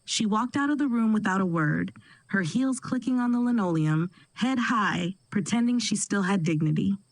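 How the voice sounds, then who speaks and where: A woman narrating a first-person family drama in a steady, dramatic storytelling manner. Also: mid-range voice, moderate pace, no room sound, poor audio.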